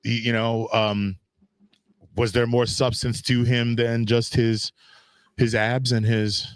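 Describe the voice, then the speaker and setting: A man's voice: mid-range voice, flat delivery, takes it slowly, smooth, dry recording, clean studio sound. A man in his fifties co-hosting a casual talk show, rambling with lots of fillers and restarts. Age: 50s. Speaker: podcast co-host. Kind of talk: casual chat.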